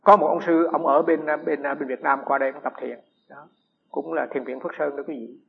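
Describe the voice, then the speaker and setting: A Buddhist monk gives a dharma talk full of anecdotes, asking his listeners rhetorical questions. His gravelly voice sits on the high side, with fairly even intonation and a fairly quick pace. The dull, lo-fi recording has a long hall reverb and slight background noise.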